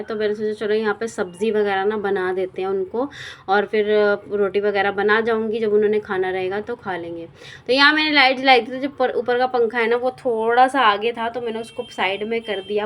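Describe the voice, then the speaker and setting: A young woman vlogger and housewife chatting casually and quickly while narrating her home routine. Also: a little high. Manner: chatty, fast-talking.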